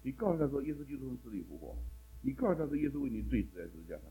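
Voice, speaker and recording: A man's voice: mid-range voice, big pitch swings, very fast, mellow, breathy edge, low-quality recording. A man teaching a Bible class in a sermon style, asking the class one question after another and mixing English words into his talk.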